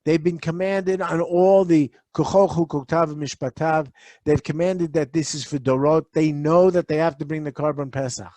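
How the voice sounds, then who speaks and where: A male teacher with a fairly high voice gives a Torah lesson in a dry, close recording with no room sound. He presses his listeners with rhetorical questions and reads long Hebrew verses aloud between them. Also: steady tone, normal speed, warm tone, dry recording. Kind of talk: lecture on a weekly Torah portion.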